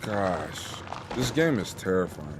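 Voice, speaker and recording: A man's voice: low voice, very animated, slow pace, noisy background. A man livestreaming a horror game, chatting to his viewers in a laid-back, slangy and profane way. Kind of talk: casual live gameplay chat.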